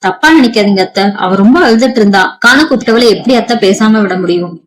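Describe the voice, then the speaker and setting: A woman's voice: mid-range voice, fast, natural voice, rough recording. A woman voicing a meek, overworked young daughter-in-law who speaks in a pleading, sorrowful way.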